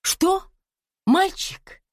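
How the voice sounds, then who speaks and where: Woman narrator voicing a worn-out middle-aged woman, wry, low and dry. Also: sing-song, unhurried, gravelly, mellow, no echo, full character voice. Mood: excited. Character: tired middle-aged daughter, weary, wry. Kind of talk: audiobook dialogue.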